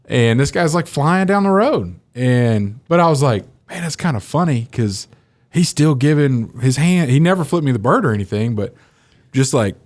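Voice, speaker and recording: A man's voice: medium pitch, moderate pace. Joking male podcast co-host. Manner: joking, animated storyteller. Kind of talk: casual chat.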